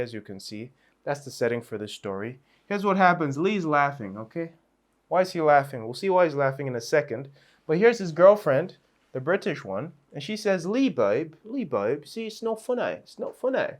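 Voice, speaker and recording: A man teaching a chemistry revision lesson in a playful, chatty way, with asides and small laughs. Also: a little high.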